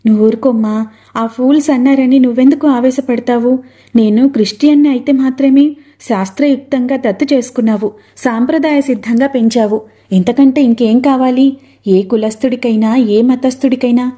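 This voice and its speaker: An earnest young man, consoling at first and then shaken and tense, as a woman reader voices him. The tone stays mellow and warm. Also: on the high side, normal speed, lightly acted. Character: adult son, earnest and agitated.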